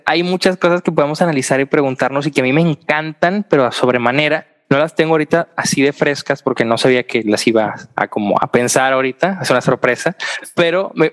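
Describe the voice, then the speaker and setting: A young man talks through ideas as a guest on a relaxed podcast. He explains at length and keeps tossing in little tag questions to check that the listener is following. His voice sits at an ordinary middle pitch for a man. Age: young adult. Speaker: podcast guest, philosophy student. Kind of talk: casual explanatory podcast conversation.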